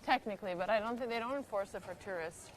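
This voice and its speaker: A woman's voice: medium pitch, quick pace, a little hiss or hum. A young woman streamer chatting casually with viewers as she walks along, upbeat and addressing her audience. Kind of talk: casual live-stream chat.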